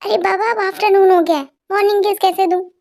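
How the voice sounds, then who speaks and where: Woman reading a flustered stubborn young bride, fan dub, very high voice. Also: steady tone, quick pace, gravelly, darkish tone. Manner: protesting, flustered. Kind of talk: Hindi fan dub storytelling.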